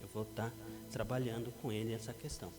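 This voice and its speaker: A middle-aged Brazilian man preaching a sermon as pastor, lively and acting out parents and teens in a church hall. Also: fairly low pitch, brisk. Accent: Brazilian Portuguese. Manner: animated, acts out parents and teens. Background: background music.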